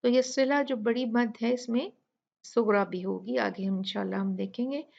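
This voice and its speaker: A woman teaching Quran recitation rules in a tajweed tutorial, explaining patiently step by step and repeating examples slowly. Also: a little high, fairly even intonation, creaky, a little mellow, lo-fi sound.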